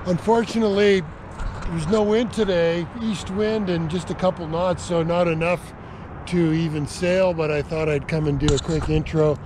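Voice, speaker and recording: A man's voice: on the high side, noisy background. A middle-aged man casually showing off a homemade build outdoors on a frozen lake, talking into a nearby action camera with lots of fillers and restarts. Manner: relaxed, halting, many fillers and restarts. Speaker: DIY vlogger. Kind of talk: casual show-and-tell vlog. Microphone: action camera held close or mounted nearby.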